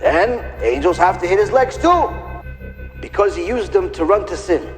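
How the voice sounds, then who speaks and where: A man's voice: sits high, lively intonation, normal speed. A rabbi delivers a fiery, emphatic lecture in a raised voice, breaking into little acted scenes. His words ring out in long reverb. Faint music runs beneath. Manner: emphatic, acts out quoted people in little scenes. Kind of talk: religious lecture on punishment after death.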